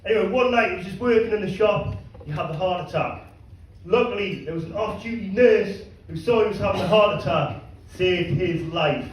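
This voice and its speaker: A stand-up comedian with a fairly high voice works a comedy club crowd, mixing crude deadpan punchlines with halting, stumbling asides. The muffled recording catches him distant and echoey from across a reverberant room, with audience laughter and room noise behind him.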